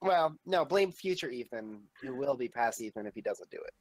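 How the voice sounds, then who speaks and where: Male player, animated and self-mocking, stumbles over words; dry close mic. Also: mid-range voice, moderate pace, no echo. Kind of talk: casual chat at a tabletop game.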